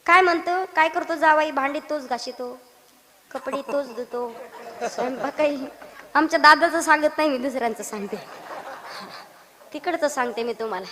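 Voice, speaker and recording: A woman's voice: high voice, normal speed, long pauses, bright, forceful tone. A woman preacher giving a devotional kirtan sermon, teasing and quizzing her audience and breaking into song. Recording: long hall reverb.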